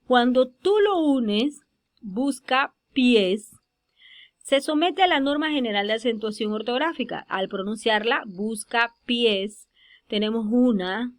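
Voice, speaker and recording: A woman giving a spoken grammar lesson over slides, slowing down to stress example words. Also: on the high side. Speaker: teacher.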